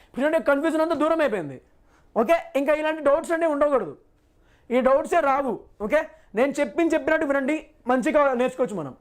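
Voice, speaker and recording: A man's voice: very high voice, expressive, very fast. A male physics teacher in a live online class who reassures his students, repeats every point and asks and answers his own questions.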